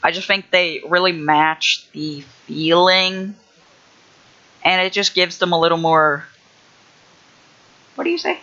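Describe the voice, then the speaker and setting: A man's voice: sits high, expressive, slow, pauses often, sharp tone, muffled recording. Young man rambling while building a level. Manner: rambling, hesitant, lots of fillers and restarts. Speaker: livestreamer building a game level. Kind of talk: casual thinking-aloud livestream.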